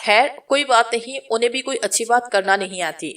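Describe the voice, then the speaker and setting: A woman's voice: fairly high pitch, a bit bright, recorded from a distance. A woman narrating a novel and reading every character's lines in her own voice. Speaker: storyteller.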